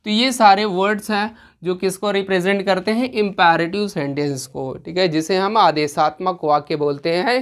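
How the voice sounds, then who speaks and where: A woman teaching an exam-prep grammar lesson, explaining step by step with frequent rhetorical questions and check-ins. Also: fairly low pitch. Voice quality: clears throat now and then.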